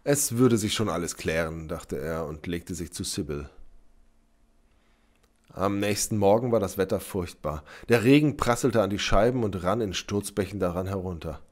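Low-voiced man reading a story. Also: moderate pace. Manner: calm, even storytelling. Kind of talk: scripted narration.

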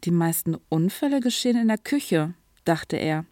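A woman reading a story aloud in an even, clear storytelling manner, now and then lightly voicing the characters. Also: lowish voice, normal speed, dry recording, studio quality. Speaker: narrator. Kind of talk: audiobook reading.

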